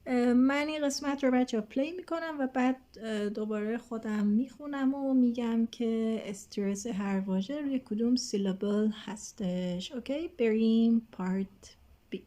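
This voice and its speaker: A woman with a slightly high voice leads a recorded textbook lesson. She explains patiently, pausing often on drawn-out fillers. She reads English words slowly and leans hard on the stressed syllables. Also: dark tone. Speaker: English teacher.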